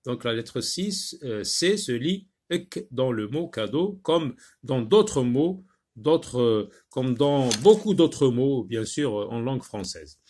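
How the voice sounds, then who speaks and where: A man's voice: mid-range voice, lively intonation, slow, darkish tone. A man teaching a phonics lesson to young learners, patient and repetitive, sounding out words syllable by syllable with frequent filler sounds.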